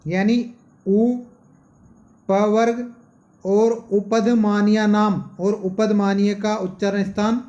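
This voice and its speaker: Slow, high-voiced man teaching phonetics. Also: a little mellow. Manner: slow, repeats and dictates syllables one by one; asks questions then answers them himself. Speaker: Sanskrit teacher. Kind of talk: classroom grammar lesson.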